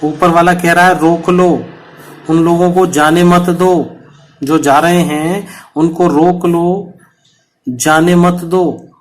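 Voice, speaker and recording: A man's voice: fairly high pitch, fairly even intonation, slow, long pauses. A man teaching a punctuation lesson to students, explaining patiently and repeating each example.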